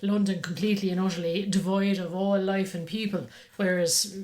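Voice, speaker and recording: A woman's voice: mid-range voice, flat delivery, normal speed, a little mellow. A woman co-hosting a podcast in casual chat, talking easily and teasing her co-host.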